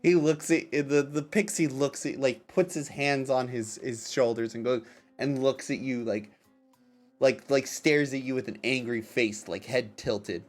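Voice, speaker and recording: A man narrating a tabletop game as game master, improvising in a halting way with repeated phrases. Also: medium pitch, fairly even intonation, soft background music.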